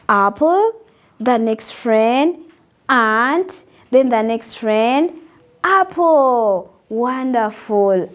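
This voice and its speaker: Young woman teacher doing a toddler phonics lesson, high voice, super slow and drawn out, singsongy back and forth. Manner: slow, sing-song call-and-response with praise. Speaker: preschool teacher.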